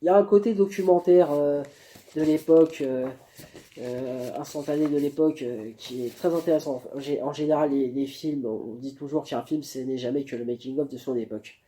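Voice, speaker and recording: A man's voice: mid-range voice, normal speed, mellow. A man giving a spontaneous face-to-camera book review, hesitating often with fillers and restarts. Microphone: camera mic.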